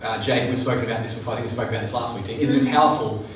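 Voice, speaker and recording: A man's voice: mid-range voice, fairly even intonation, very fast, slight background noise. Man teaching a seminar in an echoey room. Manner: chatty, keeps checking the audience follows. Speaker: sales trainer. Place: room with a live audience. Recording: echoey room, mic far off.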